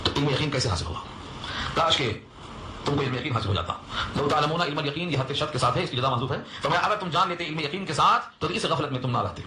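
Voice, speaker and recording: A man giving a Quran commentary lecture, explaining word by word with rhetorical questions and emphatic swings between low and raised phrases. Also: animated, pushed and bright, slight background noise. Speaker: Quran teacher. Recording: roomy echo with faint ambience.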